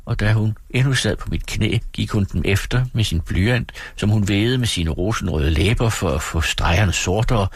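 Guy reading a novel out loud, low husky voice, dry close sound, chats aside now n then. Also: hardly any pauses, dry recording. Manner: steady storytelling, with casual asides. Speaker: reader.

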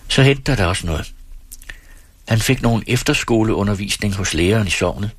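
A man narrating a novel as an audiobook in a calm, measured reading voice. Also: low voice, slightly rough, dry recording.

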